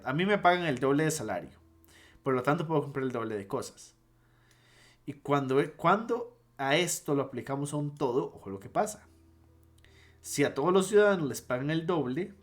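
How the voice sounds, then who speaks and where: Step by step, a man lays out logic in a relaxed online lecture, stopping now and then to rephrase or fix what he said. He speaks in a mid-range voice.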